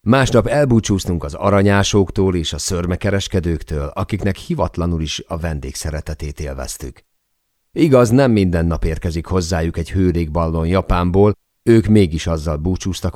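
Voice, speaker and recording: A man reading a first-person memoir aloud as an audiobook narrator, in a measured, deliberate way. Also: low voice, darkish tone, dry recording, clean studio sound.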